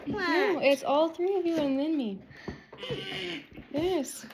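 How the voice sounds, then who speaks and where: A woman's voice: very high-pitched, slow, a crowd in the background. A woman hosting a casual family home video as the mother, instructing and refereeing children. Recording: noisy home video recording.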